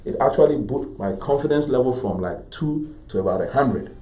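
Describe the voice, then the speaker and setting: A middle-aged man from Ghana with a Ghanaian English accent, an artist telling anecdotes in an interview with animated delivery. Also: medium pitch, normal speed. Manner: animated, acts out voices in his story. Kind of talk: anecdotal storytelling. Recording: roomy echo.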